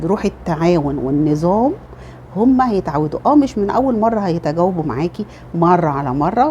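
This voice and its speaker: A woman's voice: fairly low pitch, warm tone, muffled recording, slight background noise. A middle-aged Egyptian woman with an Egyptian Arabic accent, giving casual motherly advice in a chatty home vlog. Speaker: lifestyle vlogger.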